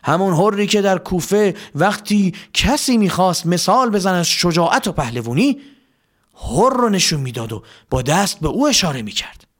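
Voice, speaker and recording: A man's voice: high-pitched, lively intonation, a bit bright, voice pushed up. A man voicing an admiring, eager male soldier who speaks with enthusiastic resolve, in a told story. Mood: inspired.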